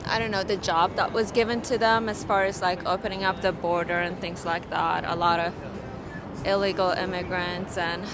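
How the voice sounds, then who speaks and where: A woman's voice: fairly low pitch, little pitch movement, normal speed. A woman from Ethiopia, answering street interview questions in a hesitant way with many fillers. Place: outdoors on a city street. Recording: noisy street with traffic.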